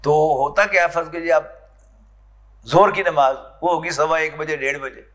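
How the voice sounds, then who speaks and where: Man, Pakistani Urdu accent, lecturer, somewhat high pitch, questioning students. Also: moderate pace, fairly bright tone. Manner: explaining, asks the class questions. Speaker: Quran lecturer. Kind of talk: classroom lecture. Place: lecture hall.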